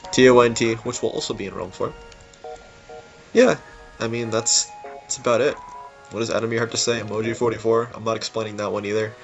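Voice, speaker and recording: A man with a fairly low, creaky voice and a steady tone speaks a little fast but pauses often while loosely commenting on a game level he made. The lo-fi recording has game music behind him, and the talk is casual and unscripted.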